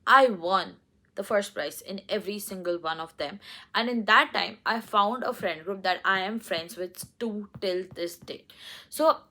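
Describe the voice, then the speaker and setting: Bright-voiced Indian woman telling her story. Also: medium pitch, a little slow. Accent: Indian English. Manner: candid, switches between English and Hindi, many "like" and "okay" fillers. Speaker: vlogger. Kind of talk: personal storytelling to camera.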